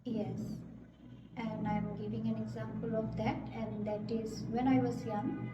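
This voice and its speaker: A woman's voice: fairly high pitch, level tone, measured pace. Hesitant young woman in an echoey room. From Bangladesh. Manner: hesitant, searching for words, with frequent fillers. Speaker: test candidate. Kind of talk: mock speaking exam answers. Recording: echoey room, far from the mic, loud background noise.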